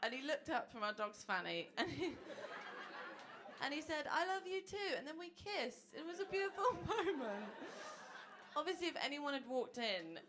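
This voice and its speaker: A high-pitched, very animated woman in her thirties moves at a moderate pace through a chatty, self-mocking stand-up set on a comedy club stage, laughing at her own jokes. It's a noisy live club recording.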